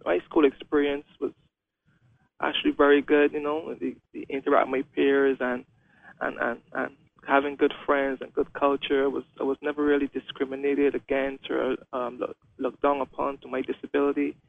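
Young guy, halting radio guest, steady monotone, phone-line sound. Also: mid-range voice, creaky. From Guyana. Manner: hesitant, many "um"s and restarts. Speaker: Paralympic wheelchair racer, guest. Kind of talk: casual radio interview.

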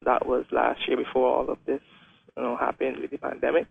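A man's voice: medium pitch, monotone, fairly quick, gravelly, breathy edge. A young man from Guyana, a wheelchair racer talking hesitantly as a guest in a radio interview. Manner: hesitant, many "um"s and restarts. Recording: phone-line radio call.

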